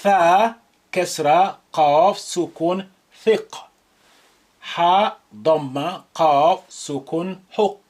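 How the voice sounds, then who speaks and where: Lesson voice-over: an Arabic teacher, extremely slow, spelling out each letter and vowel, then the joined sound. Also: medium pitch, a little mellow. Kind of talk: slow syllable-by-syllable reading drill.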